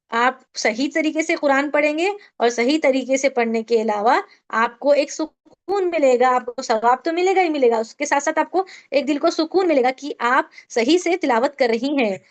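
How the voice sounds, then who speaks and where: High-voiced woman teaching recitation. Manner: drills syllables slowly, asks students questions. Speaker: Tajweed teacher. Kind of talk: online class instruction.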